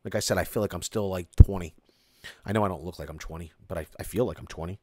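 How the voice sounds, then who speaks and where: Talking fast in a low-pitched voice, a man casually rambles while reading his live stream's chat, excitedly restarting and saying "like" over and over. His close home mic yields a studio-quality sound with no room noise.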